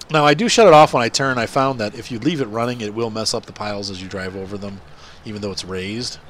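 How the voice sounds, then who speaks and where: Against a noisy background, a middle-aged man with a stuffy nose speaks a little fast in a fairly low voice, pausing often. He hosts a gaming channel and rambles casually with many fillers while playing a farming game.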